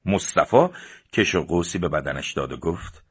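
A man's voice: animated, slightly rough. A man narrating a story as an audiobook. He reads plainly and raises his voice for the characters' lines. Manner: reads plainly and shifts up in pitch and loudness for the characters. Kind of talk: audiobook narration voicing the dialogue.

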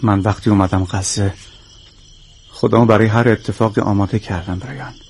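A man's voice: fairly low pitch, fairly even intonation, a little mellow, slightly rough. An actor dubbing a headstrong male filmmaker who talks back defiantly. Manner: defiant, stubborn. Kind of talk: dubbed film acting.

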